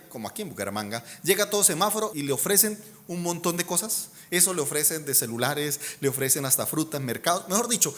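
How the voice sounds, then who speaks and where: Animated Colombian pastor preaching. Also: male voice. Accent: Colombian Spanish. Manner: animated preaching with humor and asides, swinging from loud emphasis to soft low endings. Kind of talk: sermon.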